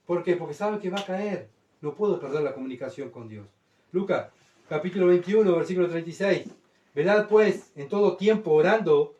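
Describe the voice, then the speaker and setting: A man's voice: high-pitched, darkish tone, echoey room, far from the mic. A man preaching a conversational sermon, often asking the congregation questions.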